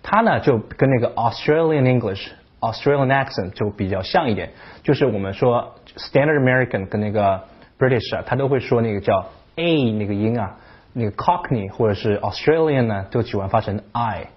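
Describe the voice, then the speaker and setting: Husky low-voiced man teaching English. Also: fairly quick, lo-fi sound. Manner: animated, breaks off to imitate accents. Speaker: English teacher, channel host. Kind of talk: casual video lesson.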